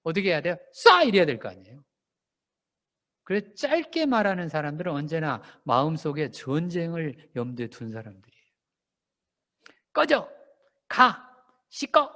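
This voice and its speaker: A man preaching a sermon to a congregation, animated, asking them questions and acting out shouted lines. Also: high-pitched. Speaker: pastor. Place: church sanctuary. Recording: long hall reverb.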